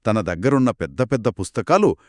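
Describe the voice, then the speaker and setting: Man, storyteller, children's folk tale, lively intonation, dry close recording. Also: fairly low pitch, a little fast, no echo. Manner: expressive, dramatic narration. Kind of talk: children's story told as a two-voice conversation.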